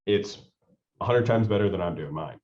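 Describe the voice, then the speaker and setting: A podcast host with a lowish male voice chats in an enthusiastic, rambling way. The recording sounds dull and lo-fi. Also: expressive, moderate pace, a little hiss or hum. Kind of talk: casual podcast chat.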